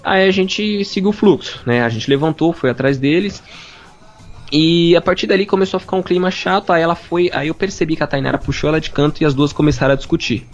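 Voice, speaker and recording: A man's voice: on the high side, fast. Young man telling a story. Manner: animated, slangy, acts out quoted lines. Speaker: listener telling his story. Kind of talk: casual storytelling. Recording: dull lo-fi sound with faint music.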